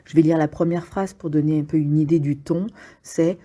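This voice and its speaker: Woman walking thru a book summary, low husky voice, lots of little hesitations. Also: steady tone, normal speed, mellow. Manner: explains plainly, many hesitations. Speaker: literature summary presenter. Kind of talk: casual spoken book summary.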